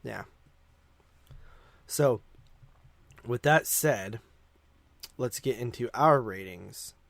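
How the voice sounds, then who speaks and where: This man draws out his words in a creaky, medium-pitched voice with no echo. As a podcast co-host he chats casually about films, his loose phrasing often returning to where it started.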